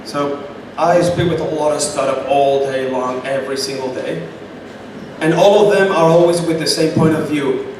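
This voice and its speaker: A man's voice: a little high, moderate pace. Emphatic man with Chilean accent, echoey hall. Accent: Chilean Spanish. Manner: energetic, emphatic, repeats for stress. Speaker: guest speaker at a startup event. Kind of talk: answering questions at a live event. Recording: echoey far-off room with noise.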